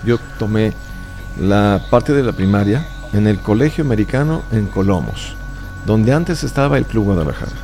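Guy in his 50s on a radio show, gravelly, lectures hard, pitch all over the place. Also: normal speed, faint music behind. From Chile, raised in Mexico. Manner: emphatic, lecturing, animated. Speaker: stage hypnotist guest. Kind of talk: radio interview chat. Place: radio studio booth.

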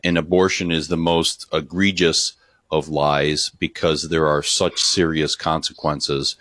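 A man's voice: rumbling low, little pitch movement, measured pace, a bit bright, no echo, studio quality. A man co-hosting a podcast, earnestly introducing and questioning his guest. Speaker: podcast co-host. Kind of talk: podcast interview.

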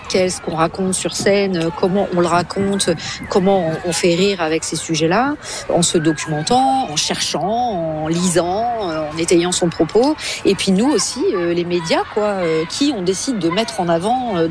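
A woman journalist gives interview answers insistently, filling her pauses with hesitations. She is recorded against a noisy street background with traffic audible. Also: on the low side. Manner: insistent, many fillers.

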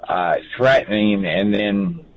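A man calling in to a radio show, speaking haltingly with many pauses and fillers. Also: on the low side, animated, dull audio, a little hiss or hum. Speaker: caller.

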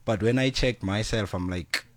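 A man's voice: on the low side, moderate pace, no echo. A man with a South African accent, a guest in a radio studio, talking casually and hesitantly with many fillers. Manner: relaxed, hesitant, code-switching with many fillers. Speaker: studio guest, business founder. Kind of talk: casual interview talk.

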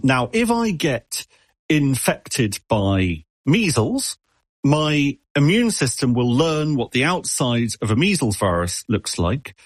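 A man with a husky, mid-range voice answers an interviewer as an expert guest, explaining things through analogies. He often stumbles over repeated words, and there's no echo.

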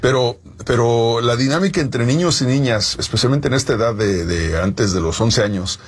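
A man's voice: mid-range voice, moderate pace, husky. A man co-hosting a talk show from Mexico, chatting casually and explaining with examples. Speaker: co-host.

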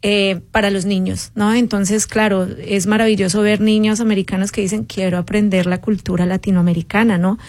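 A woman appearing as a radio guest, explaining the programs of a community music school in a steady, informative way. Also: medium pitch, a little fast, hardly any pauses, no room sound. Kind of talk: radio interview.

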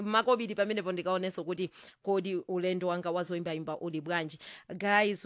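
A woman hosting a music interview, relaying her guests' answers to listeners and questioning them in a rapid, animated way. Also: mid-range voice, dry recording, clean studio sound. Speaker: interview host.

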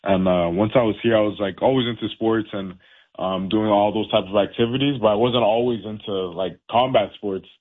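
Over a tinny phone connection, a young professional boxer from Canada gives a relaxed, casual interview peppered with fillers and laughter. He sounds husky and brisk, with a fairly low pitch and a steady tone.

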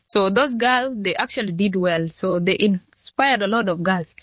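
A woman's voice: mid-range voice, normal speed, fairly bright tone, no echo. A nineteen-year-old woman from Sudan, answering interview questions plainly and earnestly, often restarting her sentences. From South Sudan. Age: 19, young adult. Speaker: model, interview guest.

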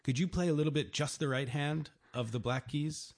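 A man interviewing a young guest for a broadcast, asking gentle, encouraging questions. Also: a little high, moderate pace, very noisy. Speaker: radio interviewer.

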